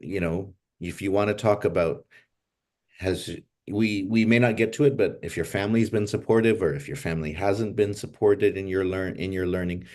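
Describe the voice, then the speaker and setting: A man with a very low voice speaks as the teacher and host of an informal group class. He guides people along in a casual, encouraging manner. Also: a little mellow.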